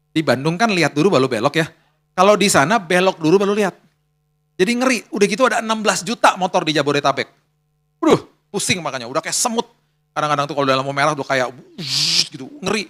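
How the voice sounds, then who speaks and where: High-voiced bright male pastor. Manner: colloquial storytelling, repeats key phrases. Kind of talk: sermon.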